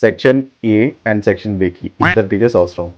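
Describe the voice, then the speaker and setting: A man's voice: lowish voice, quick pace, dry recording, muffled recording, lightly acted. A man playing a stern middle-aged school principal who scolds two quarrelling teachers. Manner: scolding, threatens suspension. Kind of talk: comedy sketch acting.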